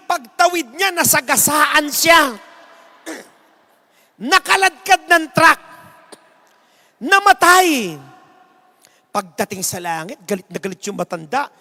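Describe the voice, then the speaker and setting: High bright-voiced priest preaching. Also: male voice. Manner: animated storyteller, mixing jokes and teaching. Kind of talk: sermon with a humorous anecdote. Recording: reverberant church hall.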